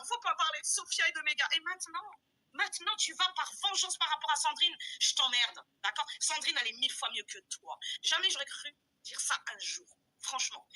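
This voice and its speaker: High, sharp-voiced woman ranting loudly. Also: low-quality recording. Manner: loud-mouthed, insulting, confrontational; repetitive, emphatic, addresses viewers directly. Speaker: YouTube live streamer. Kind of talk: heated live-stream rant.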